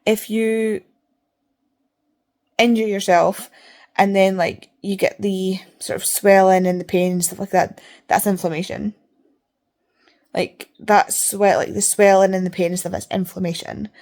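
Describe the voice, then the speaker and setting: Female vlogger, casual and rambling, mid-pitched, speaks through a barely opened mouth, repeats words for emphasis. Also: flat delivery, measured pace, long pauses, darkish tone. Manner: talks with mouth barely open. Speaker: reading vlogger. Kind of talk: casual chat to camera.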